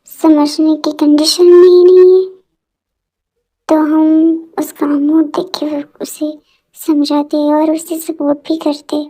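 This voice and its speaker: A woman doing a gentle, persuading young friend. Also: high voice.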